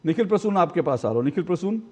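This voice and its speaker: A man anchoring a live TV news debate, sharp and needling, often cutting in on his guests. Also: high-pitched, lively intonation, rapid-fire, long reverb tail.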